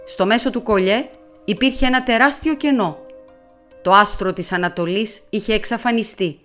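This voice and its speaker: A woman narrating a detective audiobook in an expressive, dramatic reading style. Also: mid-range voice, soft background music. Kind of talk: scripted narration.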